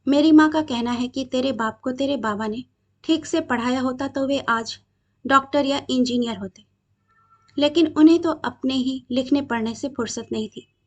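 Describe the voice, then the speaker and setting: A woman's voice: high voice, moderate pace. Lady reading as a troubled defiant young guy, earnest, kind of aggrieved, storybook.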